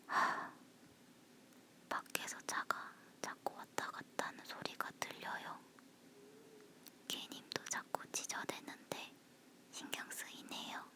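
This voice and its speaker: A woman leaning in to whisper softly in a breathy, unvoiced voice, chatting casually in ASMR style, recorded close on a phone. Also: unhurried.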